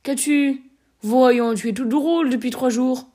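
A woman's voice: high-pitched, measured pace, mellow, voice pushed up. A woman reading as a flustered, eager-to-please clerk husband who coaxes and stammers. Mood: coaxing.

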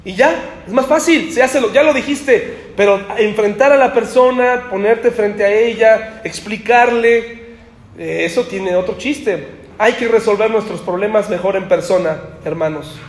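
A man preaches to his congregation in an easy, conversational way and keeps throwing rhetorical questions at them. His voice sits unusually high. The recording rings with a lot of room echo. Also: unhurried. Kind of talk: sermon.

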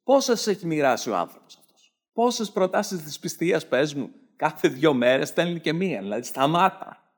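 A man's voice: on the high side, very animated. A man with a Greek accent delivering a sarcastic satirical stand-up monologue. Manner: sarcastic, mocking, slips into mimicked voices. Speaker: satirical comedian.

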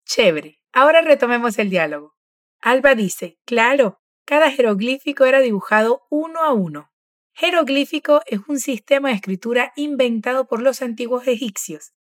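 Woman, encouraging pronunciation teacher, slow clear drills, dry close sound. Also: on the high side, lively intonation, no echo. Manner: patient, encouraging, models words slowly. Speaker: language teacher.

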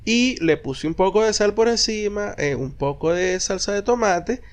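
A man chats casually on a podcast, his voice sitting notably high. He tells stories with animation and acts out the voices he quotes. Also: animated, normal speed. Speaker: podcast co-host. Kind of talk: casual chat.

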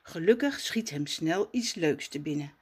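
A woman reading a children's story aloud in a gentle, expressive storytelling manner. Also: sits low, measured pace, breathy edge. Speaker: storybook reader.

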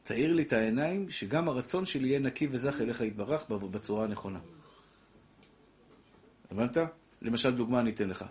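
A middle-aged man, a rabbi giving a lively Torah class who preaches through rhetorical questions and calls his listeners fondly. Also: mid-range voice, long pauses, slight background noise. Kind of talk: animated Torah lecture.

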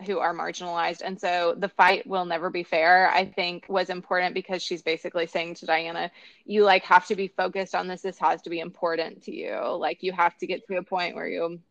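A woman's voice: lowish voice, gravelly, a bit bright, dry recording. A woman chatting casually about a film, thinking aloud with many fillers and restarts.

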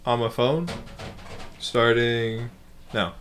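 A man's voice: medium pitch, fairly even intonation, very slow, a bit bright, slight background noise. A young man co-hosting a casual podcast, easygoing and slangy. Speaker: podcast co-host. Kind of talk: casual chat.

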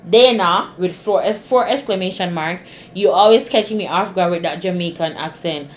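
A woman's voice: fairly low pitch, normal speed. A woman co-hosting a podcast in casual chat, playful and teasing, often laughing. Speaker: podcast co-host. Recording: echoey room with faint noise.

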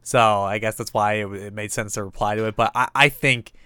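A man's voice: lowish voice, fairly even intonation, a little fast, bright, forceful tone, smooth, no room sound, studio quality. A young man co-hosting a casual podcast, joking and bantering playfully. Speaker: podcast co-host. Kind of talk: casual chat.

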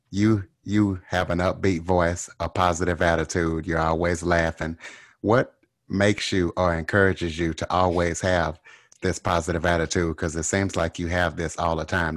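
A man from Louisiana hosts a podcast and calmly asks his guest questions. His voice is very deep and barely moves in pitch. The sound is dry and close to the mic. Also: unhurried, no room sound. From Louisiana, USA. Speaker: podcast host. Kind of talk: interview questions.

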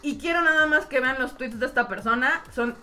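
A woman's voice: high-pitched, brisk, bright, forceful tone, faint music behind. A woman of thirty, co-hosting a casual group podcast and ranting in exasperation. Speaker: podcast co-host.

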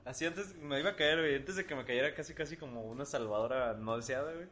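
A young Mexican man rattles through a story at high speed, his voice sitting at an ordinary middle pitch. He talks in casual slang and keeps the tale rolling for his friends. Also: fairly bright tone. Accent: Mexican Spanish. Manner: fast, slangy, laughing anecdote telling. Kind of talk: casual chat.

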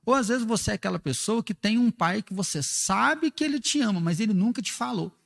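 A man's voice: high voice, animated, a little fast, creaky, a bit bright, long reverb tail. A father speaking in a conversational teaching talk, earnest and explanatory, often asking rhetorical questions. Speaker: father and church speaker on parenting.

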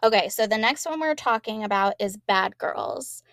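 A woman's voice: fairly high pitch, animated, normal speed, a bit bright, dry recording, clean studio sound. A woman co-hosting a podcast, casually recapping TV episodes in a rambling way and quoting characters. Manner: rambling, quotes characters with laughs. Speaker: podcast co-host.

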